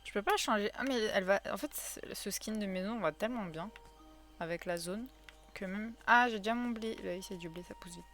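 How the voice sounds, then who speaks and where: A woman's voice: mid-range voice, a little fast, a bit bright, soft background music. A woman giving casual, chatty commentary while streaming a cozy game, talking to her viewers, counting items aloud and crying out when things go wrong. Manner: chatty, talks to viewers, counts aloud, bursts into cries of frustration.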